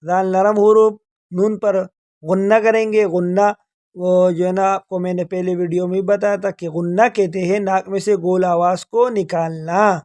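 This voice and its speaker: A man teaching a Quran recitation lesson. He explains briskly, then draws out the recited words very slowly. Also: high-pitched, a little mellow. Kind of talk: tajweed lesson.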